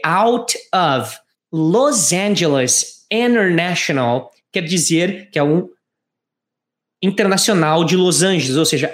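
A woman teaching English phrases in Portuguese, modeling slow, careful sentences for students to repeat. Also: lowish voice, roomy sound. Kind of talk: bilingual language lesson with repetition drills.

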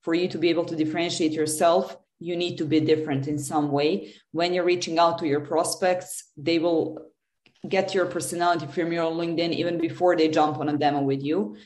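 A woman's voice: deep voice, fairly even intonation, brisk, a little mellow. A woman from Serbia, answering interview questions earnestly with many fillers and restarts. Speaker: guest, business development lead. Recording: roomy echo.

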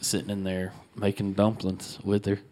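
A man's voice: deep voice, completely flat delivery, normal speed, dark tone. A man from Southern Arkansas with a Southern accent, chatting casually as a co-host and telling teasing stories. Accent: Southern American. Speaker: podcast co-host. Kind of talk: casual chat.

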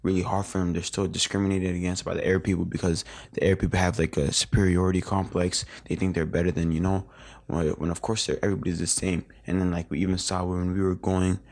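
Gravelly low-voiced young man rambling. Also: level tone, fast talker, a little mellow. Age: late teens. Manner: rambling, heavy with filler words and restarts. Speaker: interview guest. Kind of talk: casual interview recollection.

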